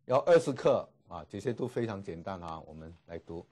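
A man teaching a classroom lecture, repeating each word slowly and filling pauses with drawn-out particles. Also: low-pitched, expressive, darkish tone. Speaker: Greek language teacher. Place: classroom with students.

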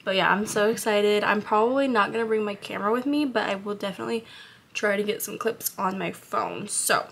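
A woman in her twenties vlogging casually to a camera held at arm's length at home, chatty and excitable. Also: mid-range voice, fairly quick, creaky, slight background noise. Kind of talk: casual vlog talk to camera. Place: bedroom at home, indoors.

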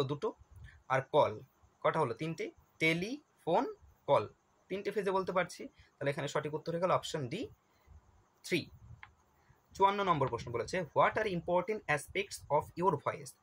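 A male teacher, going through exam questions, reading the English slowly and then explaining them at length. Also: on the high side, a bit bright, slightly rough, rough recording. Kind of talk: exam question walkthrough lesson.

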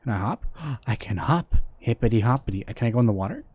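A man giving excitable, goofy commentary while playing a horror game, swearing and playing with silly words. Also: medium pitch, fast talker, breathy edge, no echo. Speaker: gaming video creator. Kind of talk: comedic horror let's play commentary.

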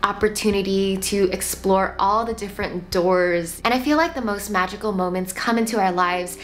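A woman in her late twenties hosting a casual vlog, reflecting with gentle advice and lots of "like" fillers, filmed sitting on the floor at home. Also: mid-range voice, normal speed, a little hiss or hum. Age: 20s. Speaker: lifestyle channel host. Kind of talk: casual talking-head vlog. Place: home room, seated on the floor.

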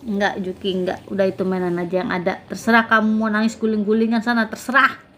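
A woman's voice: mid-range voice, monotone, a bit bright, slight background noise, natural voice. A young woman voicing a stern, scolding mother in a toy game role-play. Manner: scolding, bossy, quick to threaten.

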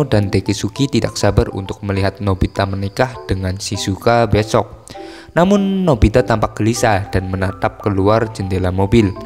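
A somewhat low, slightly mellow male voice casually recaps a film plot from a script. Background music plays under a recording with a long reverb tail.

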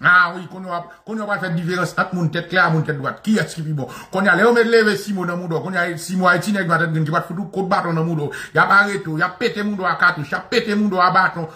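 A Haitian man with a Haitian Creole accent, giving an animated, mocking political monologue and repeating phrases. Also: sits high, fast, hardly any pauses.

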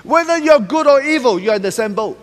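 On a Christmas-decorated stage in a large church, a middle-aged pastor preaches emphatically, pacing and gesturing widely. His high, animated voice swoops up and down for emphasis as he deliberately and slowly repeats single words again and again, all carried by the hall's long reverb.

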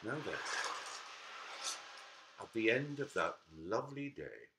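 A man's voice: fairly low pitch, sing-song, takes it slowly, creaky, fairly bright tone, slight background noise. A man telling a children's story with dramatic, swooping emphasis. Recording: echoey room.

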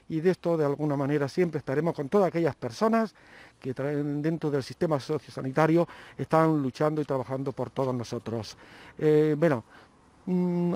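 A man's voice: fairly high pitch, mellow, dry recording. A man interviewing a guest for local television, speaking formally in long, winding sentences. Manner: formal, long-winded phrasing.

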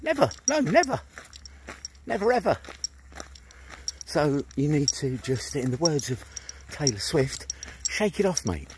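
This prank caller has a slightly high voice and an unhurried, sing-song delivery as he brashly mocks and curses at the person on the line. He stands among trees, filming himself on a phone held at arm's length and wearing headphones. The audio picks up plenty of outdoor noise.

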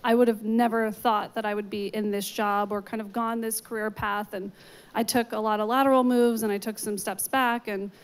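A young woman on a panel speaking in a relaxed, reassuring way into a handheld mic. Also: medium pitch, normal speed, clean tone. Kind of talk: panel discussion. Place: large atrium stage with audience.

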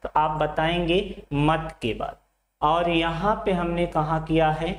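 Speaking slowly and flatly in a slightly high voice, a middle-aged Hindi teacher addresses his exam students affectionately as his children. At the board he repeats phrases and poses questions only to answer them himself, in a room with noticeable echo.

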